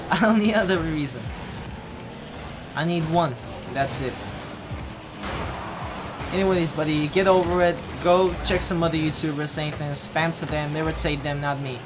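This young man's voice is fairly even in intonation, at a normal speed with long pauses. Streaming from his home desk on a headset, he chats casually while gaming, bluntly talking back to chat and mumbling low asides, with loud game music and background noise.

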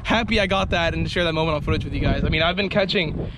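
A young man vlogs from a small boat with excited, casual frat-bro chatter. His voice sits a bit high, and clear outdoor wind noise runs behind it. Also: rapid-fire. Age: young adult. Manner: frat-bro slang, constant dude and bro. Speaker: fishing vlogger. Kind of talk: excited casual vlog commentary.

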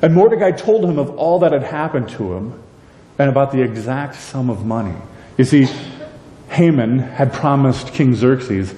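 A middle-aged man preaching a sermon from the pulpit, animated and conversational, often asking "right?". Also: medium pitch, normal speed. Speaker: pastor. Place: church sanctuary with a pulpit. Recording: echoey church hall, voice a bit distant.

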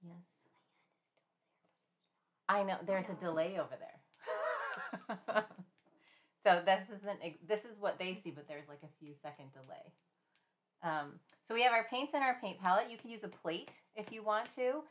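A woman teaching a live-streamed finger painting class in a chatty, gentle way, with many fillers and small laughs. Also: medium pitch, expressive, measured pace, pauses often. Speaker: art instructor.

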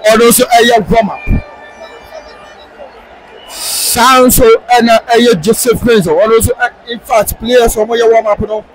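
A high-voiced man with a Ghanaian accent calls a football match live, his delivery excitable and sing-song, breaking into shouts when play gets close to goal. A crowd hums faintly behind him, with some outdoor noise in the mix. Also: unhurried, long pauses, low-quality recording. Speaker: football commentator. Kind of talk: live match commentary mixing English and Twi.

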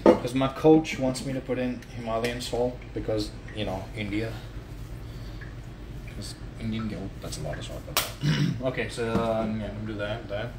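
Cooking at home on a casual livestream, a fitness coach and vlogger in his thirties jokes around in a fairly even, lowish voice at a moderate pace. A nearby phone camera, held or propped up, records him, and the kitchen is echoey with clear ambient noise.

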